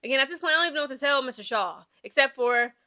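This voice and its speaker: A woman's voice: high-pitched, animated, rapid-fire, sharp tone. A woman vlogger giving blunt, emphatic opinion commentary, stretching out and repeating words for emphasis.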